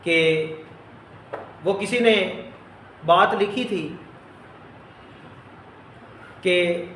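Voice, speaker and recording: A man teaching a Bible lesson, slowly repeating phrases so his students can write them down. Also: high-pitched, fairly bright tone, a little hiss or hum. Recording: echoey room.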